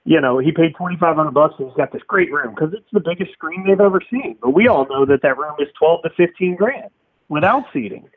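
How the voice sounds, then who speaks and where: A man explains his sales approach over a bad connection that sounds like speakerphone. The sound is tinny and phone-like, with no room echo at all. He talks in an animated way, slipping into his customers' voices as he goes. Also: on the high side, brisk, breathy edge. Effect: thin speakerphone-like sound over a bad connection. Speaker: podcast guest, home theater installer. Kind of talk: casual chat.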